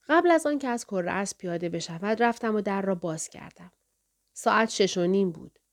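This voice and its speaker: Woman calmly narrating an audiobook. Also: medium pitch.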